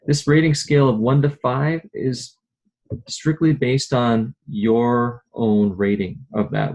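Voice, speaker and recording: A man calmly walking a club through an online module over a video call, explaining step by step. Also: medium pitch, poor audio. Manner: calm, methodical explaining. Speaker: club presenter. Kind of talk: screen-share walkthrough on a video call.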